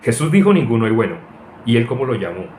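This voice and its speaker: A man's voice: mid-range voice, fast talker, a little hiss or hum. Preacher man, echoey room. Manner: animated, tells anecdotes, mocks voices, frequent laughs. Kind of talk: informal sermon with personal stories.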